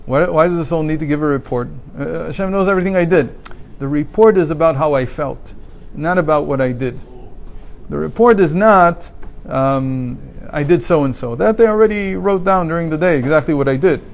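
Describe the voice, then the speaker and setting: A man's voice: on the high side, moderate pace, creaky. A man teaching a daily religious text class, reading passages aloud, translating them, and explaining them with rhetorical questions.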